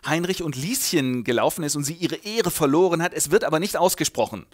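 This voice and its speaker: A man's voice: on the high side, brisk. A man casually retelling a play's plot with jokes. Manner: jokey, animated. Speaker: host. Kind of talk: humorous plot summary.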